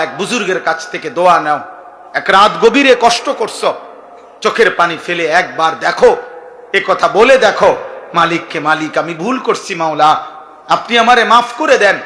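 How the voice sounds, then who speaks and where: A man from Bangladesh preaching a sermon with a Bangladeshi Bengali accent, fervent and repetitive, rising to loud emphatic peaks. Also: sits high.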